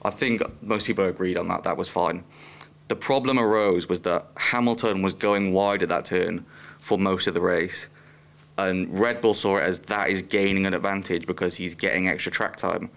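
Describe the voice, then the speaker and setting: A young man with a Welsh accent talks through a podcast discussion in a relaxed, explanatory way. His voice sits low and comes across smooth and resonant. It is easygoing podcast chat. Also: normal speed. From Wales. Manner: explanatory, laid-back. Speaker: podcast co-host.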